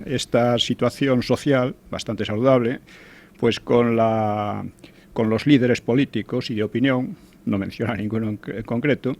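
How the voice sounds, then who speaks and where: Older male commentator, halting delivery, mid-pitched voice. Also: a little mellow. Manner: hesitant, with frequent restarts and tag questions. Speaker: historian guest commentator. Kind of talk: conversational radio commentary.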